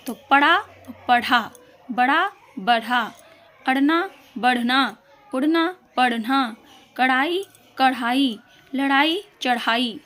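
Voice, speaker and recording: A woman teacher explaining a school textbook poem step by step, patiently reading out the answers. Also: high voice. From India.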